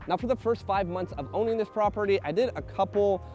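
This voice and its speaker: A man's voice: high-pitched, fast talker, darkish tone. A man in his thirties telling his life story in an earnest, emphatic way, standing outdoors in front of a house. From Texas. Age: 30s. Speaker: real estate agent. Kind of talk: personal story vlog. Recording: music playing under the voice. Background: music.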